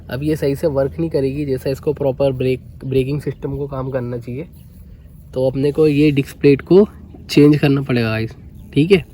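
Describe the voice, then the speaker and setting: A man's voice: mid-range voice, warm tone, a little hiss or hum. A man explaining a motorbike brake repair in a casual, conversational way, often checking in with his viewers. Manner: conversational, repeats "guys" and "okay" often. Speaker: motorbike vlogger.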